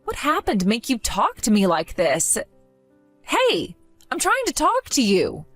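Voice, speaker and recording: Earnest, wounded young woman, voiced by a woman; pleading, animated, fairly high. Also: a little slow, soft background music, full character voice.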